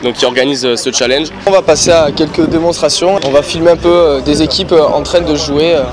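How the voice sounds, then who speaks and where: A man's voice: a little high, fairly even intonation, fairly quick. A young man giving an outdoor event report as a student reporter, hesitant with many fillers.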